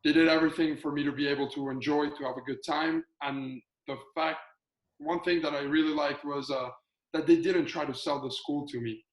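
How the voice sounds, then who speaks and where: A man's voice: fairly high pitch, fairly even intonation, fairly quick. A young man chats eagerly over a video call as a student athlete. He talks in a slightly raised voice, full of fillers and restarts. The sound is roomy and echoey. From Colombia. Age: young adult. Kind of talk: casual video-call chat.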